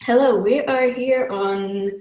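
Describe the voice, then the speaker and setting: A woman whose first language is Finnish leads a live online class over a video call mic, casual and chatty with easy laughs and rambling asides. Her voice is a little high, slow and slightly mellow, with roomy sound and poor audio.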